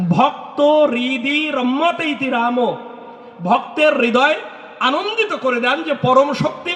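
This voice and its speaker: A religious speaker on a lecture hall stage uses a very high-pitched, bright, forceful voice for his devotional lecture. He fields audience questions, explains patiently, and recites mantras in rhythmic runs, with the hall's long reverb echoing around him.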